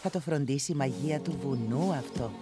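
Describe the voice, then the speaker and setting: An actress playing a gentle, wise blind grandmother in her old age in a dubbed cartoon, speaking softly and affectionately. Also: rumbling low, music in the background. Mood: tender. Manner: soft, affectionate. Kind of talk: cartoon dub.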